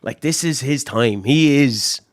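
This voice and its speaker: A man's voice: mid-range voice, a little slow. A man co-hosting a wrestling podcast, teasing and needling his co-host, and plugging the show. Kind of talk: casual banter.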